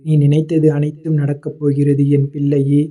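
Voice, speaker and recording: A fatherly male deity comforts his devoted child with steady reassurance, read by a man. The voice sits a little high yet sounds very dark and mellow. It barely rises or falls at all, like a devotional message read aloud. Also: moderate pace, lightly acted. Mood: consoling. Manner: steady, reassuring, tender forms of address.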